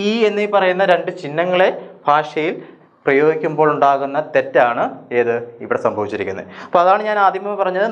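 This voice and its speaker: A man's voice: a little high, lo-fi sound. Man teaching, questions and answers. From Kerala. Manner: asks questions and answers them himself, repeating each word slowly. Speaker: Malayalam teacher. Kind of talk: exam-prep grammar lesson.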